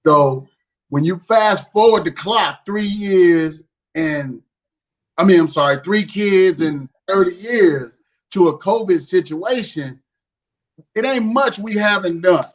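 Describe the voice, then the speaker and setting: A man's voice: sits high, expressive, takes it slowly. A man in his forties, a guest husband, talking loosely and chuckling in casual chat. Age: 40s. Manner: talkative, chuckling, loose and informal. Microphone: video call. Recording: distant muffled video-call mic.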